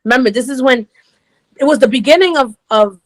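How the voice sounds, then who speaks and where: A woman in her forties from Rhode Island, a DJ guest telling her story in a relaxed interview, laughing easily. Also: high-pitched, a little fast. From Rhode Island, United States. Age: 40s. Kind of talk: casual interview chat.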